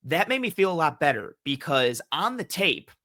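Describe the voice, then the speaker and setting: A man's voice: a little high, moderate pace, dry recording, studio quality. A man analyzing football as a guest on a casual sports podcast, telling stories animatedly and acting out what others said. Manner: animated storytelling with quoted voices.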